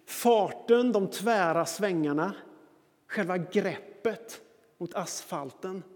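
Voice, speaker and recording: High-voiced self-mocking male storyteller. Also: in a large hall. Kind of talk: personal anecdote monologue.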